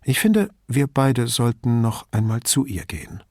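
A man voicing a calm, practical female police officer in an audiobook, speaking in a matter-of-fact, decisive way. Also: mid-range voice, unhurried, no echo, clean studio sound.

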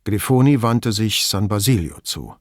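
A man with a fairly low voice narrates a crime novel audiobook at a moderate pace, reading expressively like a storyteller. The scripted narration is recorded dry, with clean studio sound.

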